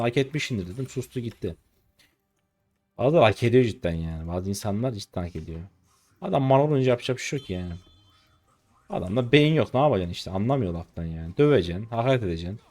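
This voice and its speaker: A man's voice: lowish voice, darkish tone. A man in his twenties streaming a game live, ranting at his teammates in an irritated, cursing way. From Turkey. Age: 20s. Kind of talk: live gameplay commentary.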